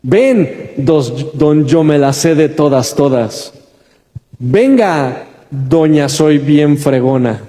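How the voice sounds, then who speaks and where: A man with a Mexican accent voicing a flattering male devil who coaxes and wheedles. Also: a little high, takes it slowly. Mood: coaxing. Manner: coaxing, wheedling. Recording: long reverb of a large church.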